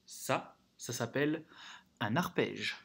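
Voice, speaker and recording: A man's voice: fairly high pitch, expressive, takes it slowly. A man teaching a music theory lesson, counting rhythms aloud, singing note names and checking in often with the class.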